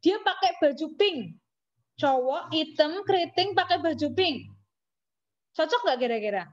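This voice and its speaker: A woman's voice: sits high, expressive, measured pace. A woman with an Indonesian accent teaching an English lesson, chatty and teasing, asking questions and answering them herself. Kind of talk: classroom lesson. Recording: dull lo-fi recording.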